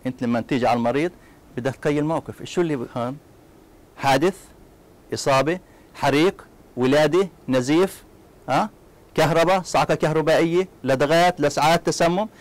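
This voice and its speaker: A man with a Palestinian Arabic accent giving a university lecture, talking straight to his students with quick asides and acted-out little scenes. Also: fairly high pitch. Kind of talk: classroom lecture.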